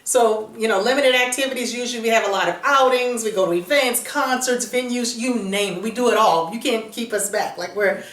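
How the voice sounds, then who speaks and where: A woman talks in a casual, upbeat, chatty way, full of fillers, as host of her vlog. Her voice sits a little high. She is recorded from some distance in an echoey room. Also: fairly quick, few pauses, fairly bright tone. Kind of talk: casual chat. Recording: roomy echo, mic at a distance.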